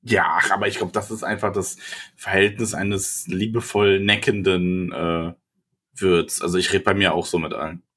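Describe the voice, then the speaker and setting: A man co-hosting a casual book podcast, calmly retelling scenes and chatting. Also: deep voice, normal speed, slightly rough. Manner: relaxed, thoughtful retelling. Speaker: podcast co-host.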